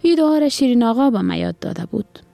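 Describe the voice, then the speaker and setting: A woman's voice: a little high, expressive, gravelly, dark tone, faint music behind, voice pushed up. Woman doing an earnest little green-eyed girl. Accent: Afghan Dari.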